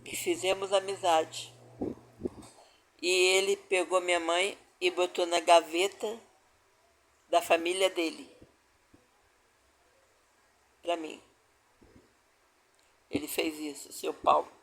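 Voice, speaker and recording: An older Brazilian woman speaks in an unhurried, deliberate way, giving a personal testimony. She leans on repetition to press each point home, circling back to the same words again and again. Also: lowish voice, fairly even intonation. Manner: emphatic, repeats phrases for weight. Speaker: woman telling her family story.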